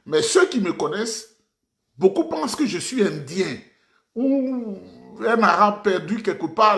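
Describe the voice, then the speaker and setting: Impassioned political commentator, man. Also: high-pitched. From Ivory Coast. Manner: declamatory, repeats phrases for emphasis, addresses audience formally.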